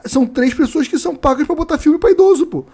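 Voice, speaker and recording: Carioca rápido contando história. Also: male voice, very high-pitched, fast talker. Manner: animated storyteller, acts out quotes. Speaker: podcast co-host. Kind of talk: casual storytelling chat. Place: home room.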